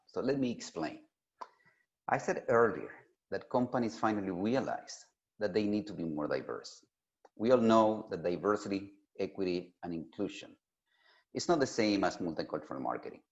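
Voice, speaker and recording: Male keynote speaker, lowish pitch with very lively swings, emphatic delivery, slightly dull lo-fi recording. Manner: emphatic, deliberate, with pauses for emphasis. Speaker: keynote speaker at an industry summit. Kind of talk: prepared keynote address. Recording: dull, lo-fi sound.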